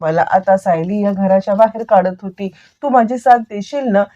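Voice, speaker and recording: A woman's voice: medium pitch, normal speed, mellow, lo-fi sound, lightly acted. A woman voicing a frightened young wife who begs to be believed and let back in. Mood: desperate. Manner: pleading, begging. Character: scheming young wife Priya, pleading and frightened.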